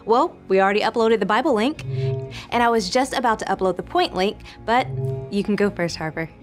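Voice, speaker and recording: An actress playing an encouraging young team leader in a kids' show, upbeat and organizing. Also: female voice, mid-range voice, brisk, over music, close to an everyday voice. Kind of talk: scripted kids' show acting.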